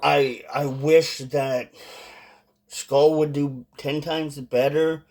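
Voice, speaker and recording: A man giving a casual, informal vlog-style review in a halting way, stressing words for emphasis. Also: a little high, flat delivery, a little mellow. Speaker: product reviewer.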